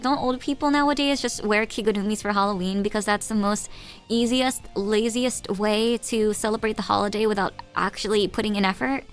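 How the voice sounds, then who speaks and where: A woman hosting a live stream, chatting casually with viewers in a giggly, rambling, self-teasing way. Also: mid-range voice.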